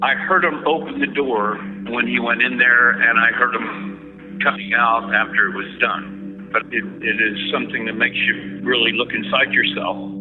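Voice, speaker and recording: A man's voice: medium pitch, fairly even intonation, normal speed. Man on a tinny payphone call. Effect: payphone call over a tinny prison phone line. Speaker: incarcerated man on a prison phone call. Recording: tinny prison phone line, music underneath.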